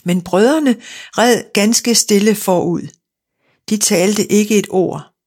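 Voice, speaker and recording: Steady fairy-tale narrator. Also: medium pitch.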